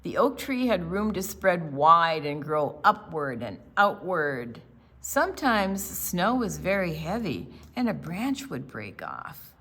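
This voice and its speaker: Her voice on the low side, a storytime reader shares a picture book with little kids. The reading is slow and expressive, with offhand comments on the illustrations.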